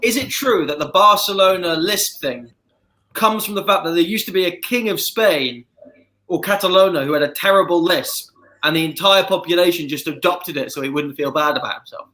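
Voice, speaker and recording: A man bantering casually on an improv comedy livestream, jokey and animated. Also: sits high, moderate pace. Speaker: improv performer.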